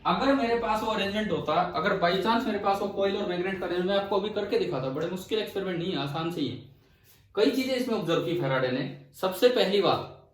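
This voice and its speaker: A man's voice: high voice, animated, fast. A male physics teacher lecturing a class, explaining step by step and firing questions at his students. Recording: echoey room, from far off.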